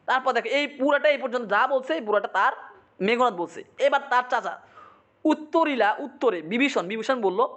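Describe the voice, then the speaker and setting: A man, teaching a poem line by line. He asks quick check-in questions, repeats meanings, and sometimes slips into English. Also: very high voice, a bit bright. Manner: dramatizes quoted lines, mixing in English. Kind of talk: poetry lesson, line-by-line explanation.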